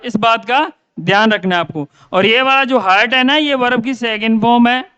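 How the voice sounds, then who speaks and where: A man's voice: extremely high pitch, bright, forceful tone, clean tone, no echo. A male teacher giving a grammar lesson, repeating his own questions and answering them.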